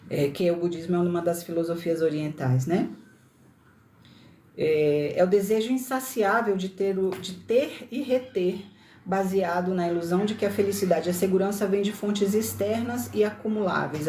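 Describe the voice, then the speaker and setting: A woman's voice: mid-range voice, mellow, slight background noise. A woman from Brasília with a lightly mixed Brazilian accent, hosting a casual livestream talk with many tag questions and self-corrections. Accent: Brasília Brazilian Portuguese, slightly mixed. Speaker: livestream host. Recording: roomy echo.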